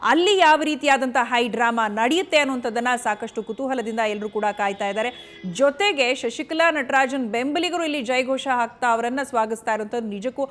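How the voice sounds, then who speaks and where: A fairly high-voiced woman with a Kannada accent anchors live breaking news. She keeps repeating the latest updates in an urgent tone, filling pauses with drawn-out fillers. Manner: repetitive, urgent, with frequent fillers.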